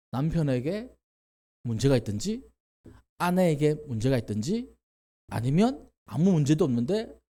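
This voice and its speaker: A man preaching a Bible-teaching sermon in a church, telling the story with lively questions to the congregation and acted-out lines. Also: mid-range voice. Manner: animated storytelling, acts out quoted characters, asks the congregation questions. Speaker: pastor.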